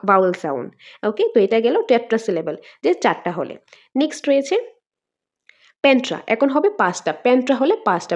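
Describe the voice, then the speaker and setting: A woman's voice: a little high, darkish tone, muffled recording. Woman teacher drilling syllables aloud. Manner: drills syllables aloud, asks and answers own questions. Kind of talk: exam-prep lesson.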